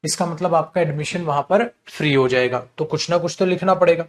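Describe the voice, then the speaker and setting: A man's voice: a little high, fairly quick. A man teaching an online class on English usage in Hindi. He explains patiently, addresses the students fondly, and repeats wrong phrases with mock emphasis to correct them.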